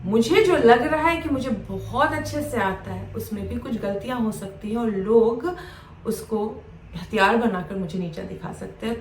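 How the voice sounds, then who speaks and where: Woman from Bihar telling her story in a roomy echo. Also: fairly high pitch. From Bihar, India. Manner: earnest, mixes English phrases into Hindi. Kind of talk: personal storytelling. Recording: roomy echo, distant mic, faint ambient noise.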